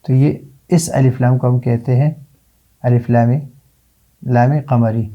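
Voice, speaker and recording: A man teaching Arabic letters in a classroom lesson, slowly drawing out example words and answering his own questions. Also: mid-range voice, level tone, lo-fi sound. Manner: slow, drawn-out repetition of example words.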